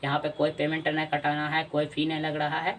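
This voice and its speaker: A man's voice: a little high, completely flat delivery, fairly quick, fairly bright tone, recorded from a distance, a little hiss or hum. A male teacher with a Bihari Hindi accent giving a grammar lesson, often repeating key answers as questions to his students.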